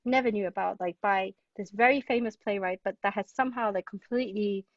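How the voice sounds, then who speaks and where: This is a casual literary discussion in which a Hong Kong woman, there as a guest playwright, chats eagerly about plays, full of digressions and "like" and "you know." Her medium-pitched voice moves briskly. The recording is dry, distant, dull, and lo-fi.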